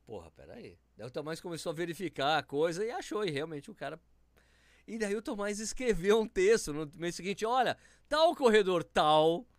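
A man from São Paulo, Brazil, with a São Paulo accent, telling stories in a casual, animated chat and acting out the people in them. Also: high voice, brisk, no echo. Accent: São Paulo Portuguese.

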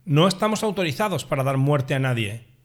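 A man's voice: on the high side, lively intonation, brisk, close to an everyday voice. A man voicing an angry crowd in a liturgical reading, with raised, insistent calls. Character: angry crowd of men shouting demands.

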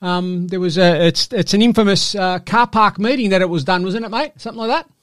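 Man, Australian accent, high-pitched voice, dry close sound, podcast host, casual sports chat, matey and teasing. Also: fairly quick, no echo.

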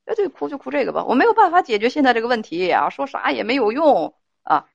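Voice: sits high, very animated, fast talker, creaky. A host giving frank relationship advice on a livestream, blunt and emphatic, repeating key phrases. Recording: dull dry lo-fi stream audio.

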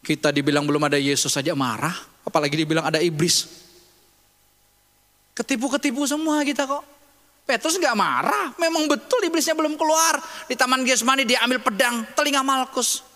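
A man's voice: extremely high pitch, a little fast, bright, forceful tone, in a large hall. A man preaching a sermon as pastor, talking emphatically in a conversational way and asking rhetorical questions.

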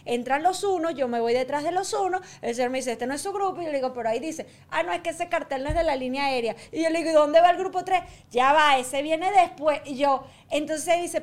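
A middle-aged woman chatting casually on a podcast, telling animated stories and acting out the people she quotes. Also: high-pitched, fast, few pauses. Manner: animated storyteller, acts out quoted voices. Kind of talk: casual chat.

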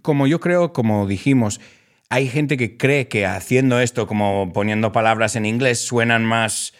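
A man's voice: medium pitch, normal speed. A man, an English speaker, chatting casually in Spanish as a guest teacher, laughing often and slipping in English fillers. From United States. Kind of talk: casual chat.

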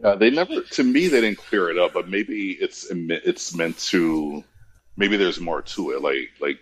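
A man's voice: low voice, lively intonation, unhurried, fairly bright tone, slight background noise, low-quality recording. An American man chiming in agreeably during a casual film discussion.

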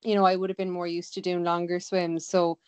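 Low, clear west of Ireland woman. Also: flat delivery, a little fast, no echo. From Galway, west of Ireland. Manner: chatty, informal. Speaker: interview guest, sea swimmer. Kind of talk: casual chat.

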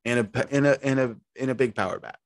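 On a podcast he co-hosts, a man chats casually about baseball in an easygoing, rambling way, restarting mid-sentence. His medium-pitched voice moves quickly, with no echo in the recording.

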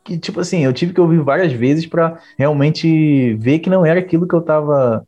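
A man's voice: a little high, normal speed, warm tone, highs cut off. A man co-hosting a podcast, chatting casually and laughing as he tells a story. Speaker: podcast co-host.

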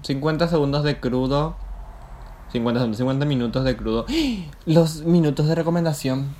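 A man's voice: fairly high pitch, normal speed, mellow. A man with a Paraguayan Spanish accent, co-hosting a podcast, chiming in with short teasing remarks. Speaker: podcast co-host. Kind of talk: casual chat.

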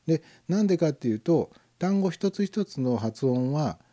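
A man hosting a live internet radio show, musing aloud in a casual, rambling way and chuckling softly as he reads out listener comments. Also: fairly high pitch, lively intonation, normal speed. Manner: rambling, musing, frequent fillers and soft chuckles.

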